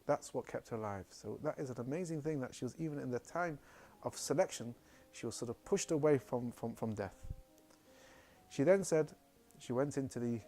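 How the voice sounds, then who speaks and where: Halting man telling a family story. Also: mid-range voice, mellow, soft background music. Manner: halting, repeats words often. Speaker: speaker recounting family history. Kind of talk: spoken personal testimony.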